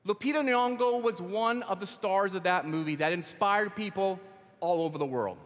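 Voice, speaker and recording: On stage in a large hall, a male conference host runs playful, upbeat emcee patter. He speaks at normal speed with a fairly high, slightly bright voice, picked up by a stage microphone with hall reverb.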